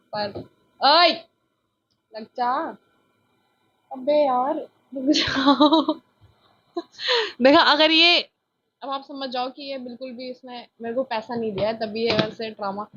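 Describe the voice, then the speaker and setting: A young woman from India with a childlike voice, chatting loudly and excitably through a casual vlog, filmed on a phone on a tripod. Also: high voice, no echo, lo-fi sound. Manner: chatty, self-mocking, loud and excitable. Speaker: vlogger.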